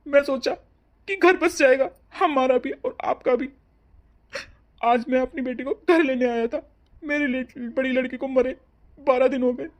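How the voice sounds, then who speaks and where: A heartbroken father of the bride in a cartoon family drama, voiced by a woman. His voice sits fairly high for a man and has a heavy, pleading, grief-worn tone. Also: a little slow. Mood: grieving. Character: grieving middle-aged father of the bride.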